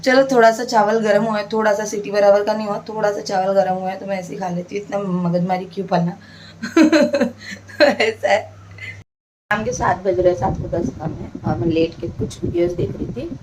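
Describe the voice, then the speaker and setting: A woman's voice: medium pitch, fairly even intonation, quick pace, a little mellow, a little hiss or hum. Chatty woman vlogging at home. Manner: chatty, emotional, talks to viewers directly. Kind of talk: casual home vlog chat. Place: at home indoors. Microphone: phone camera.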